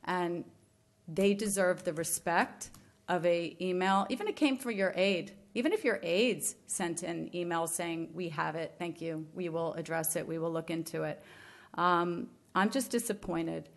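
A woman's voice: on the low side, measured pace. Angry woman at a public hearing. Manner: angry, struggling to stay composed. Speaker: public commenter, elected official. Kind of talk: public comment at a budget hearing. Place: county commission chamber.

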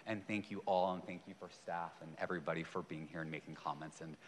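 Deep-voiced man thanking people at a meeting. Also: fairly even intonation, fast talker. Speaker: public commenter, attorney. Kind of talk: informal speech of thanks at meeting. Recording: echoey chamber with background noise.

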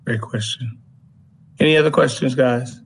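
A man's voice: mid-range voice, normal speed, gravelly, breathy edge, rough recording. A man chairing a formal commission meeting in an easygoing way, with brief procedural prompts. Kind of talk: running a formal meeting, informal asides.

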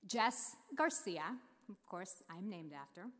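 A woman giving a prepared, heartfelt speech at a civic celebration, slow and deliberate, close to tears at times. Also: on the low side, big pitch swings. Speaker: speaker introducing the mayor. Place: large hall on stage. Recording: long reverb of a large hall.

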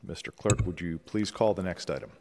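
A man chairing a formal public board meeting, speaking in a measured, procedural way with frequent "uh" and "um". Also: deep voice, steady tone, noisy background. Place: large legislative chamber. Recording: long reverb of a large chamber.

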